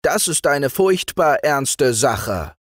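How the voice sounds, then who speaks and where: A man reading aloud voices a smooth-talking male sorcerer who flatters and tempts. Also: medium pitch, takes it slowly, dry recording, clean studio sound, pitched above the performer's own voice, full character voice. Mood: coaxing. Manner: persuasive, bowing and flattering.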